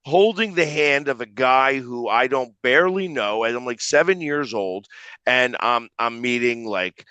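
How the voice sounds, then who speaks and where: A man in his fifties from the Philadelphia area, a guest telling animated stories in a casual interview. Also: medium pitch, smooth, no room sound. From Philadelphia area, USA. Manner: animated anecdotal storyteller.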